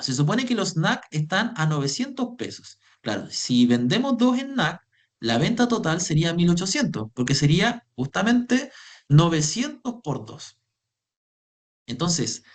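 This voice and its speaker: A young man teaching an online spreadsheet class, patiently repeating himself as he explains. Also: sits high. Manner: patient, repeats phrases, calls students "chiquillos". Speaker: Excel workshop instructor.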